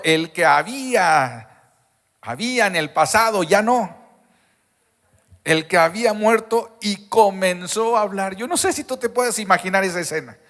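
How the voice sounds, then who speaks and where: High-voiced preacher in an echoing hall. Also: male voice, a bit bright. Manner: emphatic preaching, addressing the congregation with questions. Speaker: pastor. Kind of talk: Easter Sunday sermon. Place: church service with a congregation. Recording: long reverb of a church hall.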